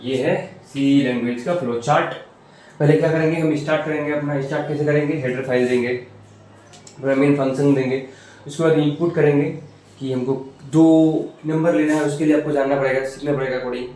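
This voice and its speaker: A man with a fairly high, steady, darkish voice and brisk delivery talks through a programming tutorial informally. He goes step by step, repeats points and asks rhetorical questions, captured by a distant mic in a very echoey room with faint noise.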